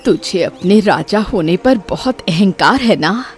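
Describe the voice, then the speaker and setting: A woman voicing a grieving older village mother in an animated story, pleading and emotional, turning to anger when wronged. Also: medium pitch, a little slow, faint music behind, lightly acted. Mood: grieving, defiant.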